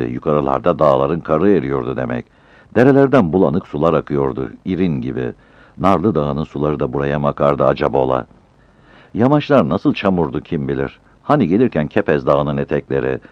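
A very deep male voice reads a story in a calm, measured way, his pitch moving with lively expression. The sound is dry and close, with a somewhat dull, lo-fi tone. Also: no echo. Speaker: narrator. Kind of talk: audiobook reading.

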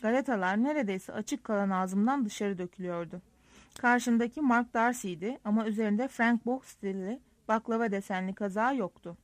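A woman narrating a first-person audiobook in a lively, wry, self-mocking storytelling manner, close to the mic. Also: mid-range voice, normal speed, no echo.

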